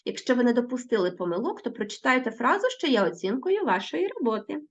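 A woman teacher giving a recorded lesson to schoolchildren, slowly spelling out sounds and words. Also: a little high, sing-song, highs cut off.

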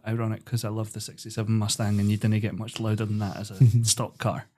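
A young man, a podcast guest chatting casually and telling stories in a calm, unhurried way. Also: lowish voice. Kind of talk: casual chat.

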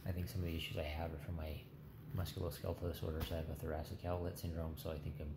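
This is a roomy, noisy phone recording from a small hospital room, the phone held at arm's length by a man in his thirties lying in bed. As a patient vlogger, he offers a casual post-surgery update to camera, halting and subdued. His voice is very deep and level in tone, weak, tired and hoarse from a sore throat.

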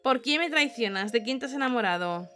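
A young woman giving animated, excited let's-play commentary, often exclaiming and laughing. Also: on the high side, fairly quick, faint music behind. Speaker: gaming YouTuber.

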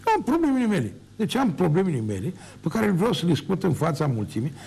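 Gravelly ranting man on TV. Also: on the high side, wildly swooping pitch, a little mellow. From Romania. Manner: emphatic, ranting, repeats words for emphasis. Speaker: former mayor on his own TV show. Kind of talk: heated televised monologue.

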